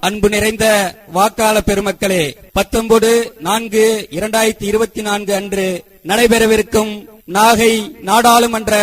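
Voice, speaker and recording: High flat-voiced male campaign announcer. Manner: formal, declamatory appeal to voters.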